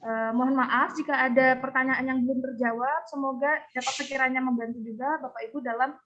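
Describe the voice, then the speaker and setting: A woman's voice: sits high, fairly even intonation, brisk, a bit bright, highs cut off. A woman moderating a webinar, thanking the speaker with polite, formal closing remarks.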